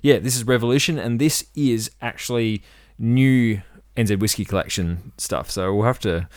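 A man's voice: medium pitch, normal speed, dry recording. Easygoing male podcast co-host, dry. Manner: easygoing, punning, chuckling. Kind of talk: casual chat.

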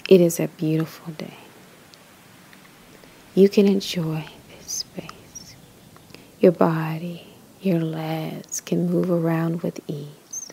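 A woman leads a guided meditation in a soft, whispery, spa-like voice, soothing and measured, pausing between short phrases. Her voice is deep and gravelly, and the poor audio carries a little hiss or hum.

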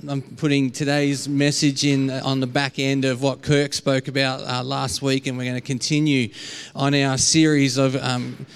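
A man's voice: mid-range voice, little pitch movement, moderate pace, smooth. A man with a broad Australian accent preaching an informal sermon in an earnest, conversational way. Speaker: preacher at a church.

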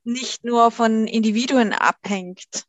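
A woman interviewer asking questions in a quick, conversational way. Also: a little high, dry recording, muffled recording.

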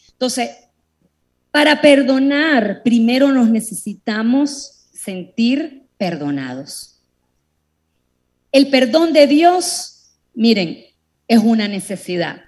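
A woman preaching a sermon to a live audience, animated, telling stories and speaking directly to her listeners. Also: a little high.

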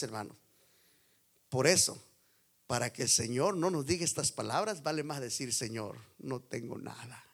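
A man preaches a Spanish sermon with a fairly high voice for a man. He drops to hushed, drawn-out phrases and then climbs into loud, ringing appeals. His delivery is fervent and pastoral throughout. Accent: Puerto Rican Spanish.

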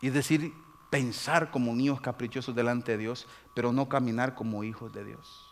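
A man, preaching a lively sermon as pastor and acting out his congregation's excuses. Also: medium pitch, normal speed. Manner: animated, mimics churchgoers' excuses.

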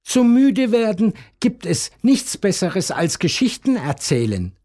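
A man's voice: high voice, sing-song, unhurried, dark tone, voice pushed up, full character voice. A man voicing a stubborn little mermaid girl who insists she is not tired, talking in an indignant, insistent way.

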